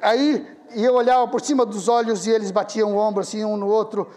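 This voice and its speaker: High-voiced pastor telling a story. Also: male voice, a little fast. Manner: animated storyteller, laughing at his own story. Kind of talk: sermon storytelling.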